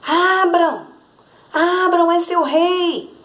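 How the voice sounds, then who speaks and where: A woman voicing a bossy, rude little king who shouts his orders. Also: very high voice, very slow, voice pushed up, full character voice. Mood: demanding. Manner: shouting, demanding.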